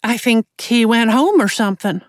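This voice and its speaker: Woman narrator doing a shaken crash victim, young, tearful, high and urgent, dry storybook read. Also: expressive, normal speed, no room sound, close to an everyday voice. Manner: tearful, pleading. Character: frightened injured young woman after a car crash.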